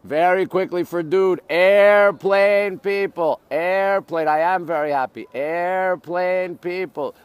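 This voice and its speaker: Strolling an urban riverside, a middle-aged Montreal live-stream host with a North American accent calls out city sights in short, repetitive, exclamatory bursts. His voice is high and slow with few pauses, and the audio is smooth with no room sound.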